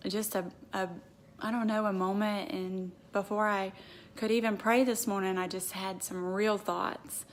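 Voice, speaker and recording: A woman's voice: mid-range voice, little pitch movement, unhurried, a little hiss or hum. A woman talking casually and earnestly to her viewers on a live stream, confiding her thoughts and reading a heartfelt prayer aloud. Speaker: faith vlogger. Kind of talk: casual devotional talk to viewers.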